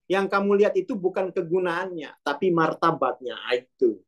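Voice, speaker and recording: A man's voice: sits high, expressive, moderate pace, lo-fi sound. Rambling man teaching on a video call. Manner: rambling, colloquial, conversational. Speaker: self-development teacher.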